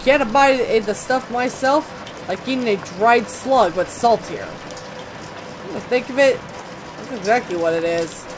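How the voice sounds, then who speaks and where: A let's-play narrator voicing a cheerful, chatty male hobo in a video game, over a clear patter of rain. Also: mid-range voice, unhurried, close to an everyday voice. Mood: folksy. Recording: rain noise behind.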